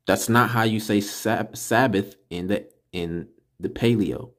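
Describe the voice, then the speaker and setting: A man with a Californian accent teaching a spoken Hebrew pronunciation lesson, emphatic and repeating syllables slowly. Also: lowish voice, fairly bright tone.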